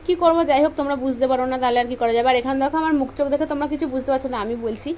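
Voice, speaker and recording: Young woman, casual vlog voice-over, soft chatty delivery, high voice, faint background ambience. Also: very fast, slight background noise. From West Bengal, India. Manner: says she speaks softly for this voice-over; chatty, addresses viewers directly. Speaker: vlogger.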